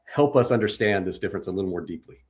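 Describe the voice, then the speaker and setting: A man with a fairly low voice, a podcast guest talking through his ideas in a loose, conversational way. He stops and restarts his sentences often and stammers over the first words. He keeps explaining, one point after another. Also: lively intonation, rapid-fire, darkish tone. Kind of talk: casual discussion.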